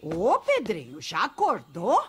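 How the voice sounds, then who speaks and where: Sweet patient old cook lady in a cartoon, slow and sing-songy. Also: medium pitch, huge pitch swings, heavy background noise. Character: kindly, patient older woman, household cook and doll maker. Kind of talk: animated cartoon dubbing.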